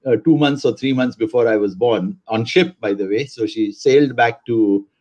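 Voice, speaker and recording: A man's voice: mid-range voice, normal speed, darkish tone, highs cut off. An older man from India, telling his life story as a guest on a video call, full of fillers and restarts. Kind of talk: casual conversation on a video call. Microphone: video call webcam.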